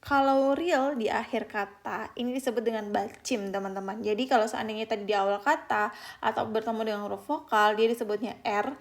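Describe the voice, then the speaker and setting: A young woman giving a patient online beginner language lesson, repeating example words slowly and often addressing her viewers as friends. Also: on the high side, fairly even intonation. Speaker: Korean language teacher.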